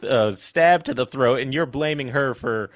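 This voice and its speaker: A man co-hosting a podcast, chatting casually about a film, getting worked up and laughing, with his voice jumping high when he is indignant. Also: moderate pace, no room sound, studio quality. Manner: animated, laughing, jumps to high indignant pitch. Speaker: podcast co-host. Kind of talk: casual movie discussion.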